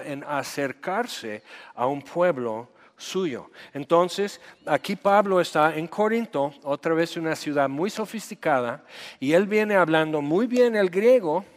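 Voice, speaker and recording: A man's voice: on the high side, long reverb tail. A man from the United States with an American accent, preaching a direct, conversational sermon in Spanish as a pastor and acting out quoted dialogue.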